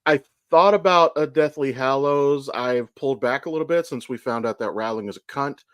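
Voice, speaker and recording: This American podcast host, a man in his thirties from Ohio, speaks at a moderate pace with a smooth, medium-pitched voice. The sound is dry with no echo. He rambles through stories in a casual, candid chat, swearing freely.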